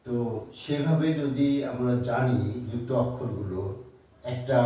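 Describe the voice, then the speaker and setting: A man's voice: mid-range voice, warm tone. A man from Bangladesh who teaches English, giving a beginner pronunciation lesson and explaining patiently with questions he answers himself. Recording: echoey room, voice from a distance.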